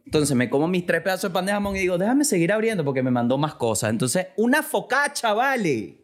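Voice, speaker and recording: Man, Venezuelan accent, casual comic monologue, animated, somewhat high pitch, acts out quoted dialogue. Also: fast. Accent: Venezuelan Spanish. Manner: animated, swings into loud outbursts. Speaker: podcast host.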